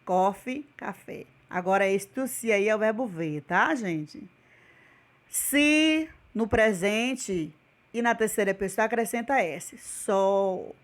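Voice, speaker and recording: A woman with a Brazilian Portuguese accent teaches English in a remote video lesson, her mid-range voice moving slowly with lively intonation. She patiently repeats each word and quizzes her class with questions.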